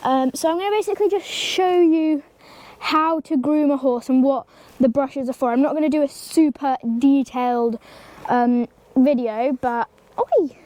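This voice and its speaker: In a dry recording, a teen horse-care vlogger with a slight cold gives a laid-back grooming how-to in an outdoor stable yard by a pony. Her high-pitched, slightly mellow voice moves at normal speed, chatty and rambling, with many ums and likes and asides to the pony.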